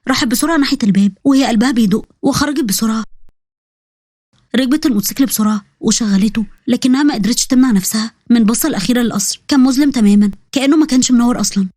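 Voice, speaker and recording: Egyptian woman narrator, very quick delivery, fairly high voice, dry close sound. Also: darkish tone, dry recording. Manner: rapid, matter-of-fact storytelling. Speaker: storyteller. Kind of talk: dramatic story narration.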